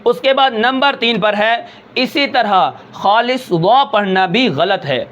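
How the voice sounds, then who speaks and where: A man's voice: high-pitched, a bit bright. A man teaching a tajweed pronunciation lesson as a Quran recitation teacher. He explains patiently, asks himself questions and checks in with "okay". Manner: slows and draws out words to demonstrate sounds. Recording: dull, slightly lo-fi sound.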